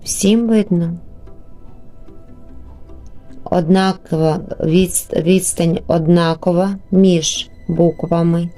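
Woman teacher, Ukrainian accent, slow patient delivery, mellow low voice, faint music behind. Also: steady tone. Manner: slow, patient, drawn-out syllables. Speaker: primary school teacher. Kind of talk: remote lesson for young children.

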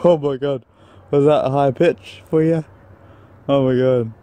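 A man's voice: medium pitch, fairly even intonation, a little slow, background noise. A man filming a ghost-hunting vlog outdoors by a tunnel, talking nervously to his handheld camera with jumpy exclamations. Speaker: vlogger. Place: outdoors near a tunnel and field.

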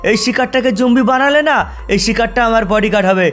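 A goofy zombie from a game video panics and giggles in a high, excitable voice. A man voices him. Faint music hums underneath. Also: quick pace. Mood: panicky. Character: goofy male zombie, a clumsy first-time driver.

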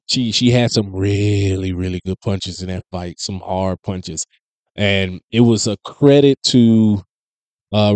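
A man in his thirties hosting a casual sports commentary show, talking in a conversational, animated way with frequent fillers and restarts, into a studio microphone in a small home studio. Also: on the low side, clean tone, no echo. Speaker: host. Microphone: studio mic on boom close to mouth.

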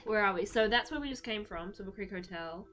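A woman co-hosting a let's-play, chatting casually in a giggly, excitable and playful way. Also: medium pitch, quick pace. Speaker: gaming channel co-host.

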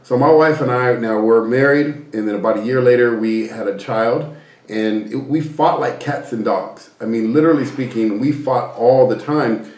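A man telling his life story as a personal testimony, earnest and animated, filling his talk with "you know" and "um". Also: medium pitch, normal speed. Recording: roomy echo, a bit distant from the mic.

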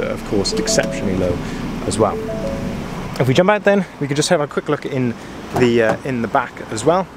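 A man talks through a pickup truck's features with eager praise, sprinkling in ums and uhs. His voice sits at a middle pitch. The camera-mic recording carries a faint hum of outdoor noise. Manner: chatty, enthusiastic, frequent ums and uhs. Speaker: car sales manager. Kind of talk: walkaround vehicle review. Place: inside a pickup truck, then outdoors at a dealership yard.

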